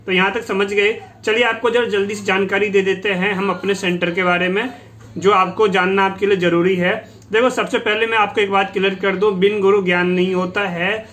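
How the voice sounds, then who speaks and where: A man teaching English phrases in Hindi, repeating each phrase slowly and explaining it patiently to his students. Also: high-pitched, flat delivery, a bit bright. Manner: slow, repeats each phrase twice, drawing out English words; addresses listeners as "beta", explains patiently. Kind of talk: Hindi-language English lesson.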